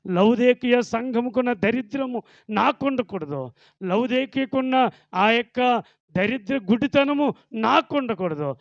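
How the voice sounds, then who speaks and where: Fervent high-voiced male preacher. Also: no room sound, dull audio. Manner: fervent preaching, swinging from loud warnings to low murmurs. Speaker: pastor. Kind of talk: sermon.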